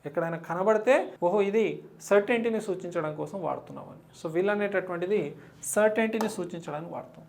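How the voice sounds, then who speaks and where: A woman with a Telugu accent teaching an exam-prep English lesson, explaining in Telugu mixed with English and reading the questions out slowly. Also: fairly low pitch, vocal fry.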